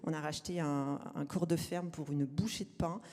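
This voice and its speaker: Earnest, mellow-voiced audience speaker. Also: mid-range voice, steady tone, moderate pace. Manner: earnest, hesitant. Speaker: audience member. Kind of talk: audience question. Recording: long hall reverb.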